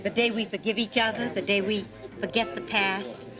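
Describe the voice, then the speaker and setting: A woman's voice: medium pitch, fairly even intonation, moderate pace, music in the background, close to an everyday voice. An actress playing an earnest, slightly muddled mother in a television drama. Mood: earnest pleading. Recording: party crowd chatter behind.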